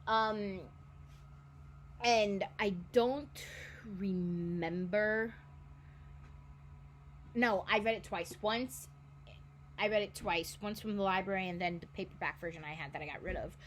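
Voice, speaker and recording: Speaking at a medium pitch and a measured pace with long pauses, a woman in her twenties talks casually on her book vlog about titles she wants to revisit. She wanders off topic and often corrects herself, while a little hiss or hum sits in the recording.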